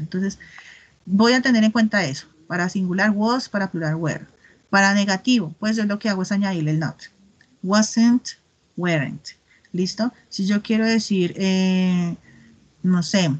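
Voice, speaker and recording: Patient woman teacher, dull lo-fi audio. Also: mid-range voice. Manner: patient, checks understanding with frequent "¿listo?" and "¿mm?"; reads English examples slowly and carefully. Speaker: English teacher. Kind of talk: recorded grammar lesson.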